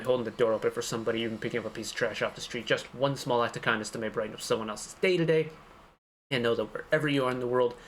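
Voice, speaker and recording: A man's voice: medium pitch, a bit bright, a little hiss or hum. A man hosting a music reaction channel, rambling enthusiastically in casual commentary and speeding through his friendly sign-off.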